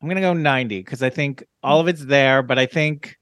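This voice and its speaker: A man co-hosting a film podcast, giving scores in an easygoing, measured way. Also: medium pitch, fairly bright tone, no echo, studio quality. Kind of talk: casual chat.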